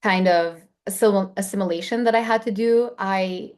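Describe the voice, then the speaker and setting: A woman's voice: mid-range voice, moderate pace, a little mellow. A woman in her thirties, born in Albania and raised in Canada, chatting as an interview guest in a friendly way. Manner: friendly, chatty, some restarts. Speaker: guest, company founder. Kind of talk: casual interview chat.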